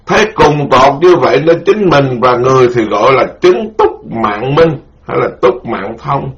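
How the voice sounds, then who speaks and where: A middle-aged man, a Buddhist monk giving a dharma lecture, speaking slowly and repeating key terms for his listeners. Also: mid-range voice, sing-song. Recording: dull lo-fi recording.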